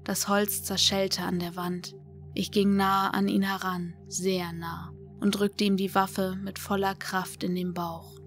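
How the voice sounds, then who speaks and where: A woman narrates a first-person horror audiobook in a scripted, measured reading. Her voice stays flat and level, barely rising or falling. Faint music plays behind her. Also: medium pitch.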